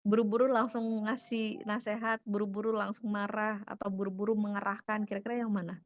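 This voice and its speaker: A woman speaking casually to an audience about family communication, acting out the quoted family members in an animated way. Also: mid-range voice, a little fast, no echo, muffled recording.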